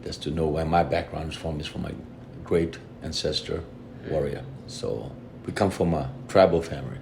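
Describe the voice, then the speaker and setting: Male guest, extremely low voice, earnest and reflective storyteller. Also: normal speed, gravelly, noisy background. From Fiji. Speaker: guest, lead singer of a reggae band. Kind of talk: casual interview conversation.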